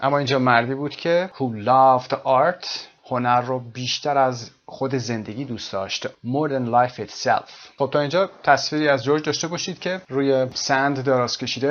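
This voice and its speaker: A man teaching an English lesson, repeating phrases slowly and then explaining them. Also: medium pitch, muffled recording. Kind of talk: language lesson explaining a text.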